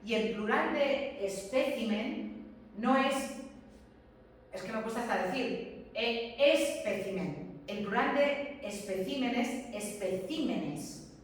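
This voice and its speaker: A woman's voice: fairly high pitch, slow pace, slight background noise. A woman teacher lecturing a class, explaining step by step, repeating her points and asking the students questions. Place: large echoey classroom. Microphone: distant camera mic. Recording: echoey classroom from far off.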